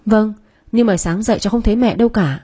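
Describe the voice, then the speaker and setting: A woman voicing a fragile, remorseful young daughter who speaks softly and apologetically. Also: medium pitch, quick pace, husky, pitched above the performer's own voice, lightly acted. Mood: anxious.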